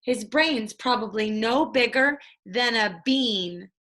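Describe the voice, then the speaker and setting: A woman's voice: fairly high pitch, slow, bright, forceful tone. Woman reading as a skeptical studious young boy. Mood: dismissive. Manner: doubting, emphatic. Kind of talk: children's storybook character voice.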